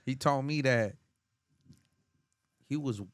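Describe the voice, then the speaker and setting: A man from Inglewood, California, hosting a casual interview with relaxed, slangy, playful questions. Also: mid-range voice, takes it slowly, no room sound, studio quality. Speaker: podcast host.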